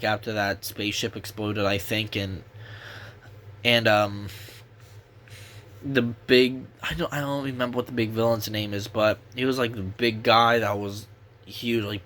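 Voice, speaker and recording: A man's voice: mid-range voice, sharp tone. A young man with a sore throat gives a casual, rambling movie review, restarting his sentences and swearing now and then.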